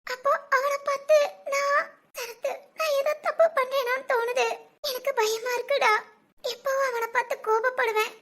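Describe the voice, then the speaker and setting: Cartoon voice: woman playing a weepy, hesitant teen girl, very high-pitched and squeaky. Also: a bit bright. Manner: tearful, hesitant, stammering. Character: anxious teenage girl, confused by love. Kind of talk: cartoon voice acting.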